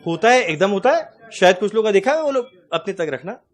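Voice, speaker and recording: Brief: male teacher, forties, fairly high voice, explains through animated anecdotes. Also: brisk. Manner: animated anecdotes, acts out dialogue. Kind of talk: classroom lecture with storytelling.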